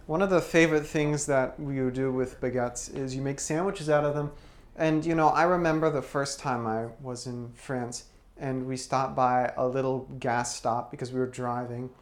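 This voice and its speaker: A man's voice: medium pitch, steady tone, moderate pace. A young man co-hosting a podcast, telling stories in an easygoing way. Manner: easygoing, storytelling. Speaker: podcast co-host. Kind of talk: casual chat.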